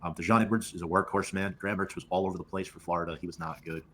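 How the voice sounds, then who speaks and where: A man's voice: low-pitched, fairly even intonation, very fast, fairly bright tone, a little hiss or hum. A man co-hosting a casual football talk show, recapping games in a laid-back, offhand way. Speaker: co-host.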